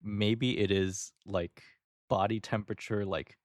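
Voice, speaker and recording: Man, deep voice, slow unhurried talk, hesitant fillers, podcast co-host, dry recording. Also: fairly even intonation, no room sound. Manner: hesitant, thinking aloud with many fillers. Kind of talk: casual chat.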